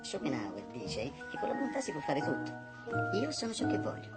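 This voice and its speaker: A man's voice: a little high, huge pitch swings, very slow, exaggerated voice. An actor playing a drowsy, smug man who explains falling asleep by willpower. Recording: film audio under loud music.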